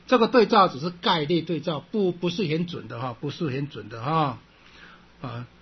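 A man teaching a Sanskrit class, repeating his points, clearing his throat often and ending phrases with a drawn-out "ha". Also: fairly high pitch, dull audio. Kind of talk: classroom lecture.

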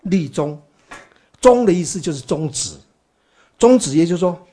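Here a male Buddhist teacher's fairly high, warm voice moves expressively at a moderate pace. His dharma talk is chatty and story-driven, full of filler words and rhetorical questions directed at those listening.

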